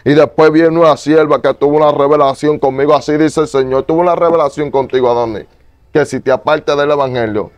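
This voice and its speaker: A man in an interview giving a fervent, repetitive testimony, moving between loud pleading and low murmurs. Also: fairly even intonation, quick pace, no room sound. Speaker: evangelist guest.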